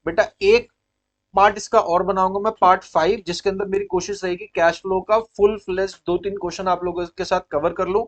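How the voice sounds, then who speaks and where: A man's voice: high-pitched, steady tone, fairly quick. A man with an Indian accent teaching accounting in a lecture style, quizzing his pupils and repeating key points in mixed Hindi and English.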